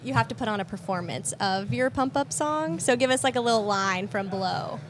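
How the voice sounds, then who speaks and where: A woman hosts a casual podcast interview in a fairly high voice. She teases her guests playfully and chats informally. There is clear background noise in the room around her. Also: animated, brisk. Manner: playful teasing. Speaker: podcast host. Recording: noisy room ambience behind voice.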